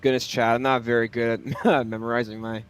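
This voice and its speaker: A man's voice: medium pitch, level tone, quick pace, heavy background noise. A man livestreaming a flight simulator, talking casually and hesitantly as he thinks aloud. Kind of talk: casual livestream commentary with pilot radio calls.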